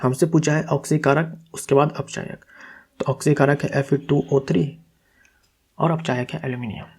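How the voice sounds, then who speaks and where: A man's voice: on the high side, steady tone, moderate pace, darkish tone, breathy edge. A man teaching as an exam-prep tutor, walking step by step through quiz answers, asking questions and answering them himself. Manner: corrects himself aloud.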